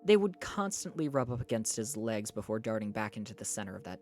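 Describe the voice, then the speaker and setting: Streamer, live book reading, animated pitch, snaps back at chat, reads narration low and slow. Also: faint music behind. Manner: argues back at chat in exasperated bursts.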